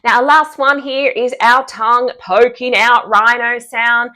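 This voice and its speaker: A woman's voice: fairly high pitch, steady tone, measured pace, sharp tone. A woman speech-language pathologist explaining animal sound cues for children's speech therapy in an upbeat way, showing the sounds as she goes. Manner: upbeat, demonstrates sounds and gestures.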